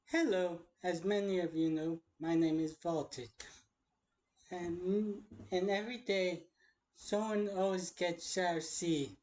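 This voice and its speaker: A woman playing an earnest charity infomercial announcer in a lowered voice. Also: steady tone, slow, a little mellow. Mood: solemn.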